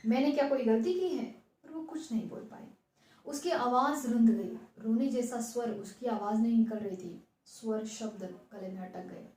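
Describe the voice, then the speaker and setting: A woman's voice: a little high, measured pace, darkish tone. A woman teaching a Hindi lesson, retelling a textbook story in simple words and explaining it as she goes. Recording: echoey room.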